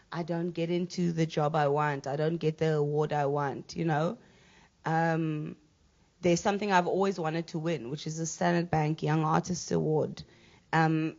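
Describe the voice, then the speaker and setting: A woman's voice: sits low, a little mellow. Candid woman in her thirties, lo-fi. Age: 30s. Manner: candid, laughs after serious points. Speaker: panel guest artist. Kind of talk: panel discussion answer.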